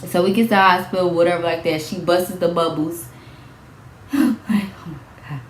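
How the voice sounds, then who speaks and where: A woman's voice: lowish voice, normal speed. Young woman w doing a storytime vlog, acts out all the quotes, echoey room. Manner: animated storytelling, acts out quotes, laughs often. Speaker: vlogger. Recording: echoey room, faint background noise.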